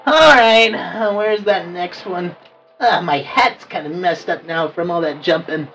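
A woman's voice: fairly low pitch, expressive, a little slow, fairly bright tone, distant mic, faint music behind. A woman voicing Bendy, a short, grumpy, whiny cartoon devil who hates work and complains petulantly. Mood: reluctant. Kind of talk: improvised cartoon roleplay.

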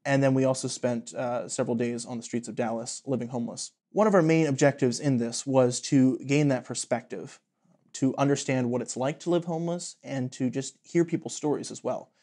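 A young man with a mid-pitched voice explains things earnestly, with the odd filler. He is a student guest in an interview, recorded in a bright office room. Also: steady tone, fairly quick. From Pennsylvania. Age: 20s.

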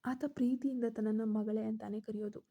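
Gravelly dark-voiced woman storyteller. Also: a little high, steady tone, brisk, dull audio. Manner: voices the characters' quoted lines herself. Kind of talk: first-person story narration.

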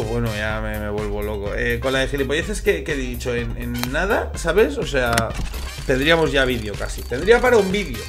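Young Spanish male host, higher pitch, restless rambling delivery with constant cursing. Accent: Spain Spanish. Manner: rambling, restless, swears a lot. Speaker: YouTuber host. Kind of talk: casual chat to camera.

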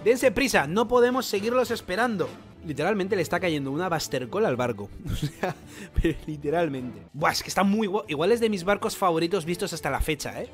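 Animated high-pitched Spanish man reacting. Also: quick pace, faint music behind. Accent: Spain Spanish. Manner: animated, swearing, jokey. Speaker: manga reaction streamer. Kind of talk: excited reaction commentary.

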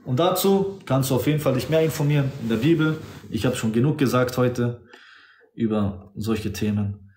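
A man's voice: medium pitch, normal speed, darkish tone, a little hiss or hum. Fervent male preacher in an echoey room. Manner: fervent, insistent, quotes scripture verses by number; raises his voice to act out quoted speech. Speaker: street-style preacher. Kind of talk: preaching on a social media livestream. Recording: roomy echo.

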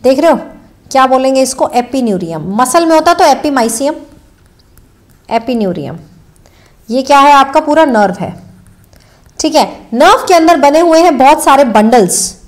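A woman's voice: sits high, expressive, normal speed, long pauses. A young Indian woman giving a live biology lecture, mixing English terms into Hindi, calling students "beta" and quizzing them by repeating key answers. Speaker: biology teacher. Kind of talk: live online exam-prep lecture.

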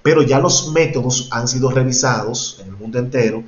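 A man leads an English lesson for Spanish speakers, walking through each grammar point patiently and dropping English example sentences into his explanations. His voice sits at an ordinary pitch. It reaches us dull and lo-fi from a roomy, echoey space. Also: brisk. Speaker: English teacher. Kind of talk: bilingual online class teaching.

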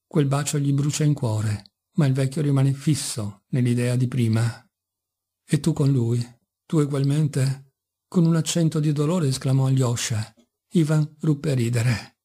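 A man reading a classic novel aloud as an audiobook narrator, measured and expressive. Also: medium pitch, slightly rough. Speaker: audiobook reader.

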